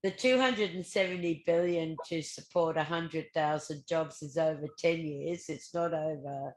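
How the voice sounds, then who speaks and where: A woman's voice: low-pitched, normal speed, reverberant. An Australian woman co-hosting a casual chat about the federal budget, reading out figures and reacting to them. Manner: chatty, laughs at the figures, reads out numbers. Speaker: co-host. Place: regional home.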